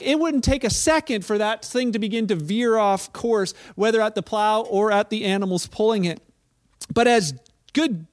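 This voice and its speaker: A middle-aged man giving a sermon as pastor, conversational and storytelling, with frequent restarts. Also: high-pitched.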